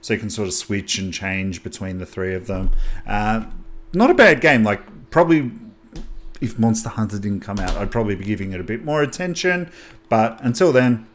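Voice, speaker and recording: A young man hosting a casual video game haul, talking excitedly and rambling, often restarting and correcting himself mid-sentence. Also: on the low side, normal speed, a little hiss or hum. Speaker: gaming channel host.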